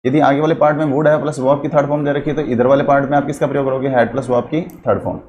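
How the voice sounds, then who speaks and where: A man teaching an English grammar class in Hindi. He mixes in English terms, spells out words slowly as he writes, and keeps asking the class questions that he answers himself. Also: mid-range voice, steady tone, dull audio, slight background noise.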